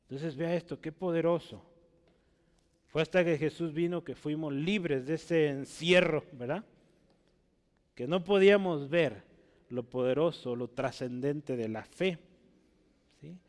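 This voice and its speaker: A man's voice: a little high, a little slow, pauses often, darkish tone. A man preaching a teaching sermon, checking in with "¿verdad?" and climbing to emphatic peaks on key words. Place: church hall. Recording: long hall reverb.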